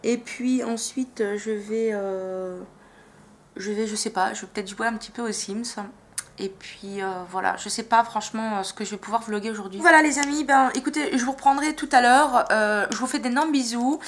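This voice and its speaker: At a moderate pace and in a slightly high voice, a beauty vlogger chats casually about the makeup she has purchased. She is enthusiastic, and her speech is dotted with fillers and hesitations.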